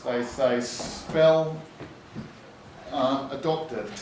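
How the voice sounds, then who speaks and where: Echoey male teacher slowly dictating spellings. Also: medium pitch, steady tone. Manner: slow school dictation, spelling words out letter by letter. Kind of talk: classroom explanation with spelling aloud, informal. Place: echoey indoor room. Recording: echoey room, distant mic, background noise.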